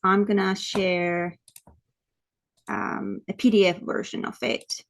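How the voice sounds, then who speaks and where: An academic researcher from Lapland, Finland, presents at a webinar like a lecturer on a video call, speaking with a Finnish accent and often repeating words as she explains. Her medium-pitched voice is slow and shows little pitch movement.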